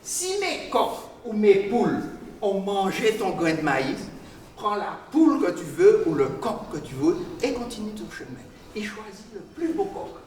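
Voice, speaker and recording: A man, telling a folk tale live with call-and-response, animated and chanting, teasing his listeners. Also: high voice, a little slow, a little hiss or hum. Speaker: storyteller. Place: large museum hall. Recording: echoey hall from far off.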